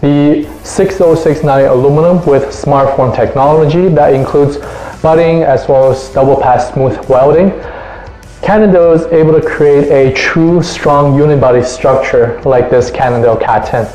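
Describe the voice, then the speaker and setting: A man with a mellow, somewhat high voice hosts a review show in an upbeat, enthusiastic presenting style. His delivery is scripted and eager. The room adds a clear echo, and soft music plays underneath. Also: normal speed. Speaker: host of a bike review show. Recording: roomy echo, faint music.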